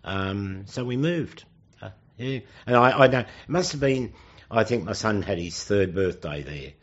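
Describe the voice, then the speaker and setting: An Australian man in his seventies reminiscing in an interview, speaking haltingly with hesitant pauses and self-corrections. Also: on the low side, animated. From Sydney, Australia. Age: 70s. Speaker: oral history interviewee. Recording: dull, lo-fi interview recording.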